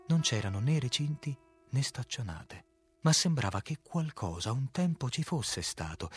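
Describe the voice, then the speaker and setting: A man narrating a novel as an audiobook, reading in a measured, clear way and acting out the quoted lines. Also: medium pitch.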